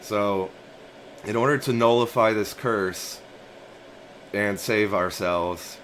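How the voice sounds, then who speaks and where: Male, deep and unhurried, casual dream storyteller, musing and repetitive, some background hiss. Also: a bit bright. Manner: musing, halting, repeats and rephrases phrases as he goes. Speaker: narrator of a personal dream journal.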